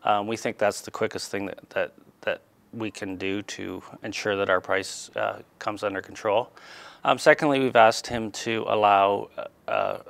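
A man's voice: lowish voice, fairly even intonation, unhurried, vocal fry, a bit bright. A middle-aged man answering interview questions as an industry spokesman, hesitant, with many fillers and repeated words. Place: small TV studio. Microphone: lapel mic.

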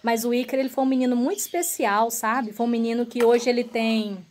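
A woman's voice: on the high side, a little fast, slight background noise. Earnest woman telling a personal story. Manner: earnest, emotional, often addresses viewers directly; relaxed, repetitive phrasing. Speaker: vlogger.

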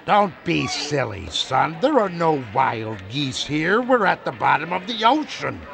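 A creaky old cartoon superhero, absent-minded and good-natured. He rambles slowly in a high, swooping voice. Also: big pitch swings, heavily acted. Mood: muddled. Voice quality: creaky elderly voice. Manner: absent-minded professor type, muddled and rambling. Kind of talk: cartoon game voice acting. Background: music.

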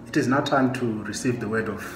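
A man with a lowish voice, formally announcing the next part of a church service. The sound is roomy, with music playing behind. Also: fairly quick. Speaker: church elder. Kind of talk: program announcement.

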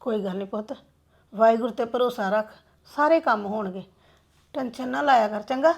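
A woman playing a gentle, gravelly older mother. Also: a little high, fairly quick. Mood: gentle, hurt. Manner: soft, pleading, consoling. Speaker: mother-in-law character.

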